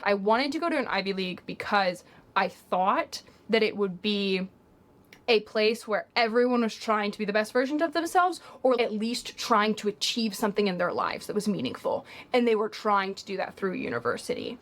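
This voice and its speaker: A woman in her twenties from Kentucky, United States, speaks in a mid-range voice with lively intonation at a normal speed. She's a university student explaining things at length in a casual interview, often saying "like" and "um."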